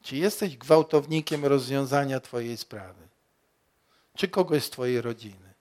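A man preaching a sermon as pastor, slow and emphatic, asking the congregation questions and rising to loud peaks. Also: medium pitch.

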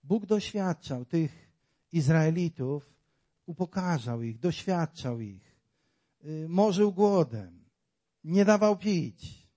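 Male preacher, high-pitched and unhurried, working the congregation with questions and emphatic rises. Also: expressive. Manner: emphatic, rising and falling between loud exclamations and quiet asides; talks directly to the congregation with rhetorical questions. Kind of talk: sermon.

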